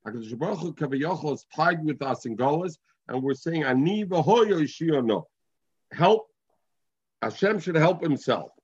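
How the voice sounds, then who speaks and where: A man's voice: fairly high pitch, expressive, moderate pace, hardly any pauses, husky, lo-fi sound. A man with a Yiddish-inflected accent teaching an informal Talmud lesson, reading and explaining, often repeating and restating phrases. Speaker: religious teacher.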